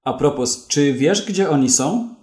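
A mocking, self-satisfied crook, once a polished bank manager, read by a man. The lines come slowly and deliberately. They sit in a roomy, echoing space. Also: fairly high pitch, expressive, darkish tone. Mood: smug. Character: smug male ex-bank manager turned crook. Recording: roomy echo.

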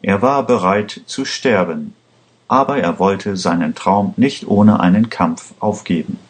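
Male audiobook narrator, measured and very slow, low-pitched. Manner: slow, measured reading for learners. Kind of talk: scripted narration.

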